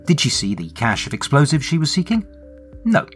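A man's voice: fairly high pitch, big pitch swings, fairly quick, a bit bright, soft background music. A man narrating his own tabletop adventure with wry, dramatic storytelling. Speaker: game master and narrator. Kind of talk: solo tabletop role-play narration.

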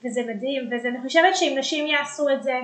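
A woman hosting a podcast in casual conversation, enthusiastic and quick with affirmations. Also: high voice, fairly bright tone. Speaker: podcast host. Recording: roomy echo.

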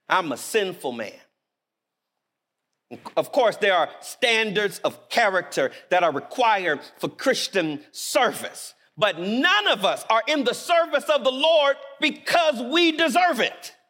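A man preaching a sermon in a chapel, animated and emphatic, dropping suddenly to quiet words. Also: high voice.

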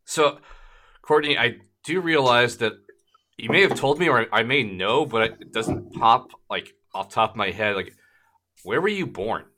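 Bright-toned, laughing male podcast host. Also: medium pitch, lively intonation, moderate pace, a little hiss or hum. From US, Wisconsin and Colorado. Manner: laughs often, loose and joking. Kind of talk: casual conversation.

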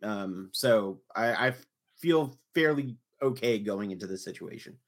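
A man hosting a podcast, telling a story with animated, exasperated retelling in casual chat. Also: lowish voice, a little slow. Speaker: podcast host.

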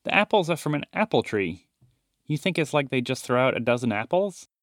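A man reading a storybook aloud, voicing an easygoing female animal scavenger who sounds sheepish and gentle. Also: medium pitch, very animated, fairly quick, no echo, clean studio sound, lightly acted.

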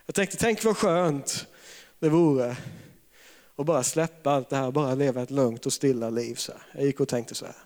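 In a large hall with long reverb, a man gives a charismatic sermon full of funny stories, breaking into laughter frequently. His voice is medium in pitch with a slightly mellow quality.

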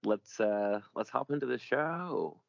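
A man with a gravelly voice hosting a casual chat show, rambling along with jokey asides. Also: mid-range voice, lively intonation, unhurried, dry recording, lo-fi sound. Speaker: podcast host.

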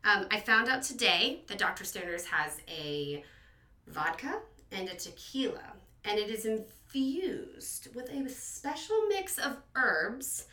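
A young woman from Virginia, co-hosting a casual podcast, chatty and quick to laugh at herself. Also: mid-range voice, big pitch swings, pushed and bright. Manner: chatty, laughing, self-deprecating. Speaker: podcast co-host. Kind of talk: casual chat.

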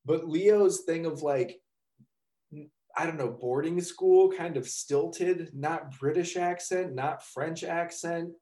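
A podcast co-host with a voice on the high side chats casually about a movie, speaking slowly and mellowly while rambling, laughing often and swearing offhandedly. The room he's in sounds echoey.

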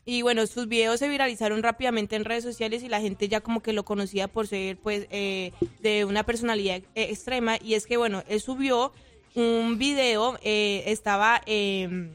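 A woman co-hosting a radio show, telling a news story casually with many pauses and restarts. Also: on the high side, fairly even intonation. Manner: hesitant, many fillers and restarts. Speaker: radio co-host presenting news.

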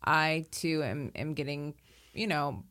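A woman in her thirties with a low voice plays a tabletop game character. She speaks softly and hesitantly, with many small pauses and restarts. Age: 30s. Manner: soft, hesitant, halting. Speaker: player.

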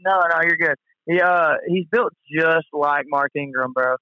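A man's voice: a little high, unhurried, no echo, highs cut off. A man chatting casually about sports as a co-host, enthusiastic and full of bro-ish slang, often repeating himself. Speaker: co-host of a sports talk show.

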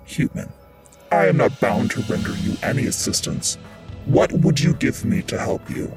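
Proud old genie, gravelly, hollow, stately pace, loud music behind. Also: male voice, medium pitch, big pitch swings. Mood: solemn. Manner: slow, stately, commanding speech. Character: hulking ancient male genie, proud and lonely.

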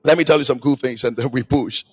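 A male preacher, delivering a sermon in a chanting, sing-song way with repeated lines and shouted peaks. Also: medium pitch, fast, breathy edge.

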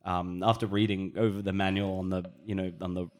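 A man playing a tabletop role-playing game, describing his moves casually and haltingly, in fragments. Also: low-pitched, level tone. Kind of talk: casual improvised game play.

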